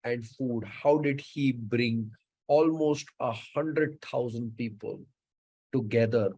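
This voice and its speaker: A man's voice: mid-range voice, takes it slowly, mellow, slightly rough, poor audio. A man from Mumbai with an Indian English accent, hosting a live online show in casual chat, full of fillers and words said three times over. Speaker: host.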